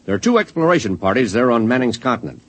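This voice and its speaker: A calm space commander with a mid-pitched voice. He gives orders in a brisk, businesslike way. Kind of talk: 1950s radio drama acting.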